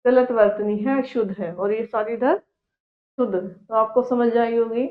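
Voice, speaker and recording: A woman's voice: on the high side, fairly even intonation, a little slow, reverberant, narrow, tinny audio. A woman teaching a Hindi grammar lesson to children, patiently repeating each word twice and asking questions back to the class.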